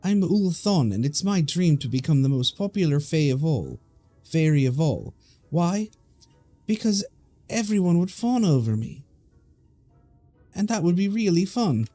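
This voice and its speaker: A man voicing a vain, attention-hungry fairy from a game, with a put-on Scottish accent and a high, bouncy, self-important delivery. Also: very animated, unhurried, long pauses, mellow, soft background music.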